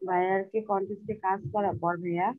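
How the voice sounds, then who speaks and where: A woman's voice: medium pitch, little pitch movement, fast talker. Woman on a choppy call that keeps cutting out. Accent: Bangladeshi Bengali. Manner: patient step-by-step instructions, checking if understood. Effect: call breaking up, her speech cutting in and out. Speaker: online class instructor. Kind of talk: walking students through a website during a call. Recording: choppy tinny online call audio.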